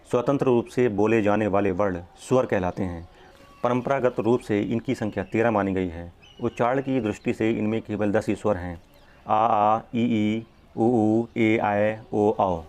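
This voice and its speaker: Low-ish male voice, teacher doing an exam prep lesson, drags out the sounds, keeps asking "okay?". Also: darkish tone. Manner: explains step by step, drawing out sounds, checks in often.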